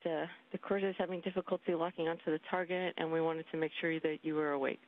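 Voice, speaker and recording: A woman's voice: deep voice, flat delivery, fast talker, no echo. A woman working as spacecraft communicator, making terse procedural calls over a crackly radio loop. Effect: crackly space-to-ground radio loop. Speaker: mission control spacecraft communicator. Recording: dry thin phone-like radio line.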